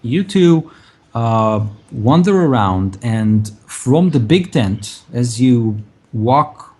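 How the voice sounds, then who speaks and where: A man narrating a tabletop game as game master, improvising descriptions in a halting way. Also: mid-range voice, expressive, a little mellow, husky.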